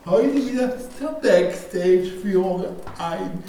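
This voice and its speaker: A man's voice: high-pitched, lively intonation, slow pace, gravelly, warm tone, distant mic, full character voice. A man playing a campy, theatrical drag queen who presents as flamboyant stage royalty. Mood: grand, inviting. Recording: echoey room, off-mic, faint noise.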